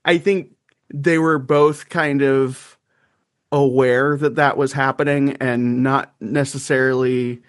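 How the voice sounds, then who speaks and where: A man co-hosting a podcast in casual chat, wry and quick to laugh. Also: mid-range voice, steady tone, smooth, no echo. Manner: laughs often, wry and self-aware. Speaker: podcast co-host.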